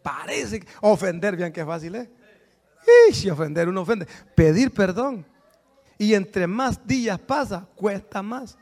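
A male pastor preaching a sermon in a church, telling stories and swinging between quiet asides and loud, urgent exhortation. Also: high voice, unhurried.

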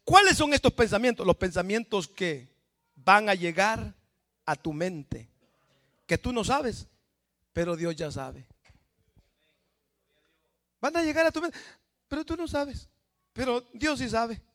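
A man preaching a lively sermon with a gravelly voice, swinging between loud exclamations and hushed storytelling. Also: high-pitched, slow pace, pauses often. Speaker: pastor.

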